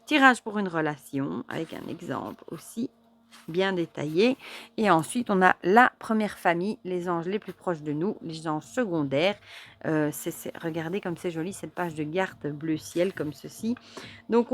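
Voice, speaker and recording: A woman casually reviewing an oracle card deck, chatty and admiring, with many fillers and soft, near-whispered asides. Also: on the low side. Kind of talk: casual show-and-tell review.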